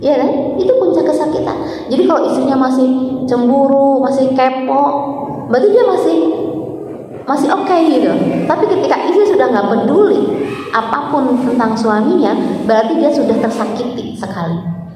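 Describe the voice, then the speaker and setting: A woman's voice: high voice, mellow, distant mic, a little hiss or hum. Earnest woman in an echoey hall. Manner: earnest, slow emphatic phrasing. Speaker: parenting speaker. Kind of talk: advice talk to mothers.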